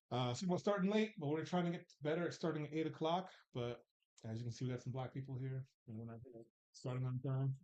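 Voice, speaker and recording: A man's voice: medium pitch, a little mellow, highs cut off. A man in his forties hosting a live dating panel show in a loose, joking way, with filler words and restarts. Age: 40s. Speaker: host.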